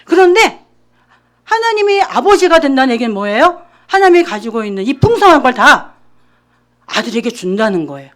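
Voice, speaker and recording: A woman junior pastor giving an animated children's sermon in church, asking the kids questions. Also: high voice, brisk. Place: church during a service.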